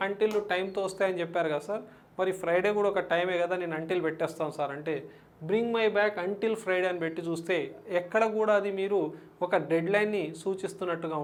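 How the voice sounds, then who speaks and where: A man teaching an exam-prep English lesson, often checking in with quick questions to his students and slowing down to spell out example sentences. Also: high voice. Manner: checks in with frequent quiz questions to the class.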